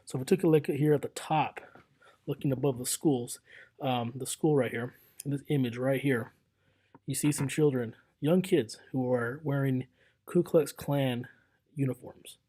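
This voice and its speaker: A man's voice: mid-range voice, normal speed, mellow, husky. A young man lecturing casually over slides as a history teacher, talking in a loose, conversational way with fillers and restarts.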